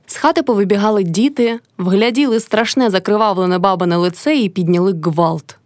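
A woman reading a classic novel aloud in an expressive narrating voice. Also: mid-range voice, fairly quick, no room sound, studio quality. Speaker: reader.

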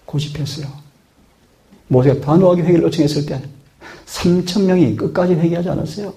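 A man's voice: fairly high pitch, mellow. A man preaching a sermon in an earnest manner, often putting questions to his listeners. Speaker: pastor.

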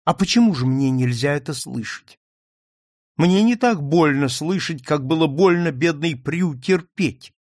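A man voicing a gentle little girl who speaks softly and earnestly. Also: deep voice, animated, measured pace, dry recording, clean studio sound, pitched above the performer's own voice. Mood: sad, firm. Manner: soft, earnest.

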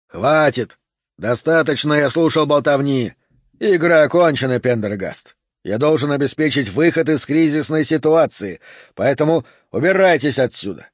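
A man's voice: medium pitch, normal speed, no echo, clean studio sound, lightly acted. A man reading an audiobook voices a blustering, short-tempered male police chief who barks his orders. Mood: furious. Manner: barking, shouting.

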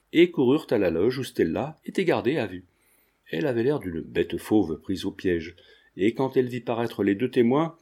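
A man reading a classic novel aloud as an audiobook narrator, with steady storytelling delivery. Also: medium pitch.

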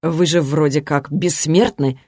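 A woman voicing a powerful male mage and father who speaks in a sarcastic, measured, emphatic way. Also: low-pitched, darkish tone, breathy edge, no room sound, clean studio sound.

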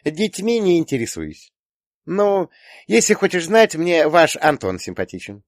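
A sassy teenage girl, as a male reader puts her on, bossy and teasing, firing off quick retorts in an audiobook. Her voice sits high and bounces around lively. The recording is dry and close. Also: no echo. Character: teenage girl, sharp-tongued teasing daughter. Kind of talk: audiobook character voice.

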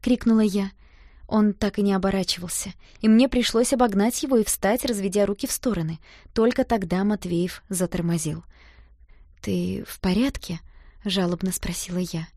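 A woman narrating a first-person audiobook with lively, emotional storytelling. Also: mid-range voice, fairly quick, no room sound, studio quality.

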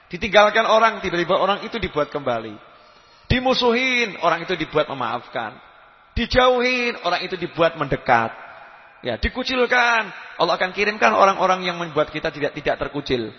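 A man giving a religious lecture, lively and emphatic, dropping to soft asides. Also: high-pitched. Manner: lively preaching, rising to emphatic calls, drops to soft asides. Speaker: preacher. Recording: lo-fi reverberant hall recording.

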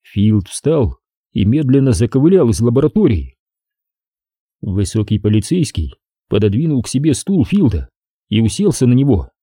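A man narrating a crime story in a lively scripted reading. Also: mid-range voice, moderate pace, no room sound, clean studio sound. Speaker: audiobook narrator.

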